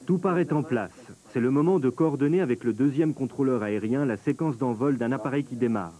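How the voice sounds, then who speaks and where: A man narrating a documentary in a measured, scripted, explanatory way. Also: medium pitch, dark tone.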